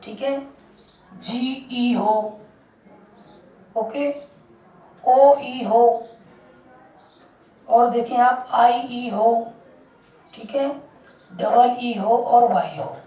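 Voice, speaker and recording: A woman's voice: fairly high pitch, very slow, long pauses, mellow, far from the mic. A woman teaching English pronunciation in a classroom-style lesson, repeating each point and quizzing her listeners with questions. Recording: echoey room, voice from off mic, faint background noise.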